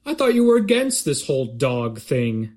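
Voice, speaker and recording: A man's voice: medium pitch, wildly swooping pitch, normal speed, a little mellow. A man playing a fussy, hesitant dad. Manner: hesitant, with many uhs. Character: cautious, fussy family dad. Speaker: father.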